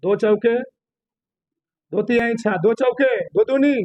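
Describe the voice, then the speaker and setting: A man a very high voice teaches physics in a classroom. He keeps asking his students questions and gently scolds them as he works. The sound is dry and close, no room echo. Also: slow, lo-fi sound. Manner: drills students with repeated questions, scolds lightly. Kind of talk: classroom lesson solving problems on a board.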